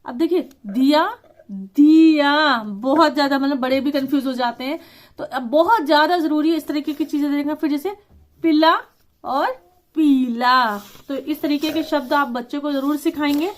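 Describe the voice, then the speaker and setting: A woman teacher explaining a lesson, reading words out slowly and deliberately and slipping English words into casual talk. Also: high voice. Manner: slow, deliberate word reading with stressed syllables.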